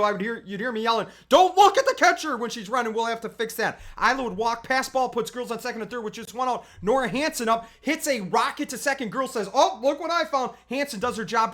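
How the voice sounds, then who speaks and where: Softball coach doing highlight play-by-play, chatty, gets loud and hyped on big plays. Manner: chatty asides and self-corrections. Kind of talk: highlight recap commentary over game video.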